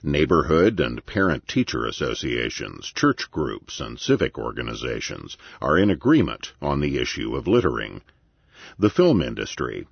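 A man narrates a nonfiction essay for an audiobook in a very deep, gravelly, husky voice, with measured, deliberate and emphatic phrasing. The audio is dull, with no room sound.

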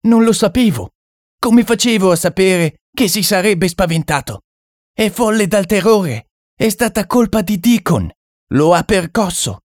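A man voicing a frantic French spiritualist who shouts in panic in a spoken story. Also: sits high, animated, unhurried, dry recording, clean studio sound, pitched above the performer's own voice. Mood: desperate.

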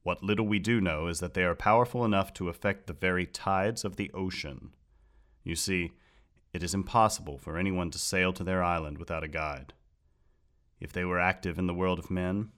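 A man voicing a booming, grave ship captain. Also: a bit bright. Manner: solemn, declaiming loremaster.

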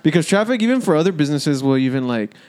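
A man's voice: a little high, very animated, quick pace, darkish tone. An American man chatting casually in a group, rambling along in slang and swearing often.

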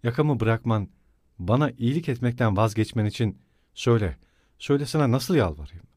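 A man voicing a feverish, bitter young male student who speaks low, tight and measured, in a dry audiobook recording. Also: lively intonation, a little mellow, dry recording, close to an everyday voice.

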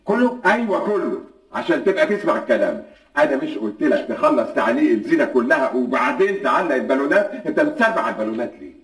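An older man with an Egyptian accent playing a stern, teasing grandfather who scolds his grown son in quick, lively bursts. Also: mid-range voice, reverberant, lightly acted. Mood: scolding. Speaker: grandfather in a family sitcom.

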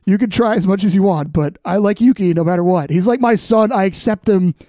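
A man's voice: high voice, brisk, warm tone, dry recording. A man co-hosting a podcast in casual sports chat, close on the mic. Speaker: podcast co-host.

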